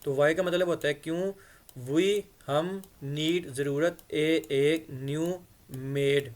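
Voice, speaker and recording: Slightly high-voiced male English teacher. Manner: reads English lines slowly, then explains in Urdu-flavoured Hindi. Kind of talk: explaining English phrases from a story.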